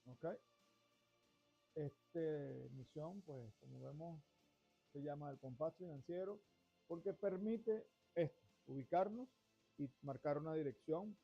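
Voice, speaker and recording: Middle-aged guy from venezuela hosting a money show, rambling, bit husky, lo-fi with faint music. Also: fairly high pitch, slow pace, dark tone. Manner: discursive, repeats and restarts phrases. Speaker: finance show host. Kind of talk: monologue to camera. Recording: dull lo-fi sound with faint music.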